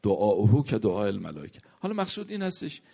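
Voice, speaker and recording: Man, sermon, preacher, recites Arabic quotations, storytelling, rises and drops to a hush. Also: wildly swooping pitch, gravelly, husky. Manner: storytelling with quoted Arabic verses and hadith; rises and falls in pitch, drops to a near whisper at points.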